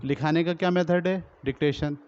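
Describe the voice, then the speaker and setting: A man's voice: on the high side, fairly even intonation, a little mellow. Man teaching in a dull lo-fi recording. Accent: Pakistani Urdu. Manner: explains step by step, asks and answers his own questions; sounds out letters and drill sentences slowly. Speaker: teacher trainer. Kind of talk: lecture on teaching reading.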